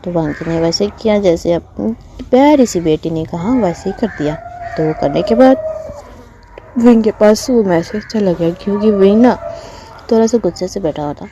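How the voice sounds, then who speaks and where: A woman's voice: medium pitch, animated, moderate pace, mellow. Chatty woman telling a fan story. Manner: chatty, with many fillers and asides. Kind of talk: casual story narration. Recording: muffled with background noise.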